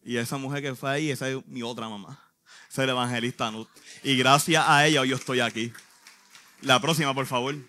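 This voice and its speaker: Guy pastor sharing his testimony, heartfelt, clear bright tone, mid pitch. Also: steady tone. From Puerto Rico. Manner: earnest, emotional testimony with short pauses. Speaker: youth pastor. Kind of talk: personal testimony in church.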